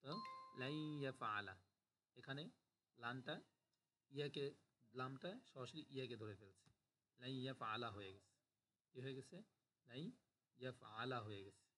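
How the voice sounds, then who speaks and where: A man's voice: medium pitch, a bit bright. Guy teaching an online class, patient, says each form over and over, faint noise behind. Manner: patient, repeats forms aloud for drilling. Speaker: Arabic grammar teacher.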